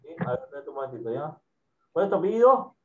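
A male teacher running an online class for children, patient and repetitive, often trailing off into quiet mumbling, with a Peruvian Spanish accent. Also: a little high, very animated, fast. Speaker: primary school teacher. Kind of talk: online class, casual instructions. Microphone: computer mic on video call. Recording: dull lo-fi call audio.

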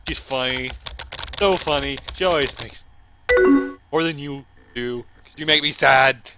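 A young man playing a chat game and reading its lines aloud, laughing at them, over loud game music. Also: medium pitch, unhurried, heavy background noise. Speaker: gamer. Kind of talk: let's play commentary.

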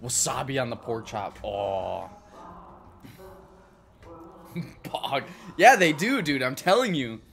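A man's voice: medium pitch, animated, takes it slowly, creaky, pauses often, fairly bright tone. Minnesotan man chatting on a game stream. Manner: profane, laughs often, muses aloud. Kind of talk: casual live-stream chat while gaming.

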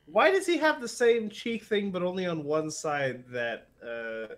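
A man's voice: high voice, lively intonation, a little slow, fairly bright tone. A man chatting casually and agreeably as he reads a comic with a friend. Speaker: co-reader. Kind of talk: casual comedic chat.

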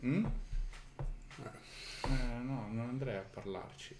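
A man's voice: medium pitch, takes it slowly. A man playing a tabletop game, chatting casually and thinking aloud hesitantly. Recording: roomy echo, clear background noise.

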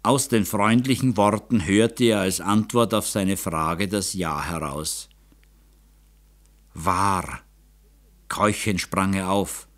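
A man reading a novel aloud as audiobook narrator, calm and even. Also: lowish voice. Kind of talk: scripted narration.

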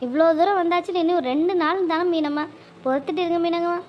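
A woman's voice: extremely high pitch, fast talker, muffled recording. A woman doing a distraught young daughter. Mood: coaxing. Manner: tearful, pleading. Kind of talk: cartoon voice acting.

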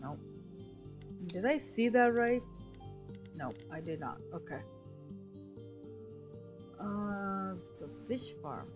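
A woman's voice: medium pitch, expressive, takes it slowly, pauses often, music in the background, poor audio. A woman commentating casually on her own gameplay, thinking aloud, while losing her voice. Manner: thinks aloud, self-talk with frequent restarts. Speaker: gameplay streamer.

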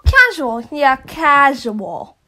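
A young woman with a high voice hosts a casual question-and-answer video. She jokes, swears and bursts into dramatic outbursts as she goes. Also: very animated, very slow, sharp tone. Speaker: channel host. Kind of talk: casual Q&A chat. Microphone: home microphone.

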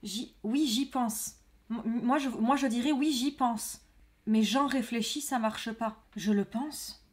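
A woman from France chatting excitedly as she works through a test, exclaiming and switching between French and English. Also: fairly high pitch, measured pace. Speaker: test taker. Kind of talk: casual reactive chat.

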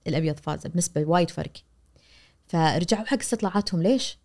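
A Kuwaiti media professor in her forties guests on a studio podcast, explaining things animatedly in rapid-fire Kuwaiti-accented Arabic. She gestures as she talks and acts out the voices she quotes. She's recorded on a boom-arm studio mic.

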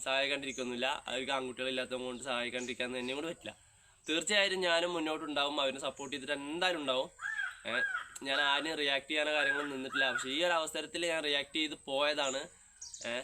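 A man's voice: fairly high pitch, background noise. A man with a Malabar Malayalam accent chatting casually to his viewers as a vlogger, insistent and repeating his phrases. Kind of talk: casual chat to viewers, reacting to comments.

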